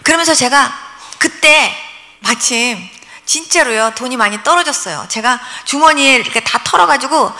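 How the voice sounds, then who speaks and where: At a revival meeting hall, a woman pastor in her 60s speaks at normal speed in a high voice, bringing testimony stories to life by performing prayers and dialogue. A long reverb from the hall is audible throughout.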